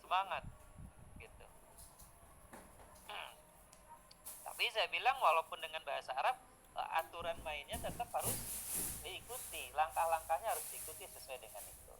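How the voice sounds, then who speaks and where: A man's voice: on the high side, animated, normal speed, pauses often, a bit bright, slight background noise, low-quality recording. A middle-aged man, a teacher-training lecturer, giving informal feedback in a chatty way with frequent tag words and small hesitations.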